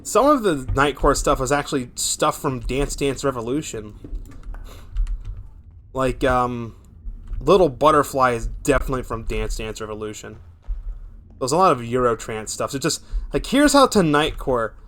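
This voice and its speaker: A man's voice: medium pitch, animated, moderate pace, a bit bright. Male game streamer, mid-range voice, casual rambling live chat with viewers.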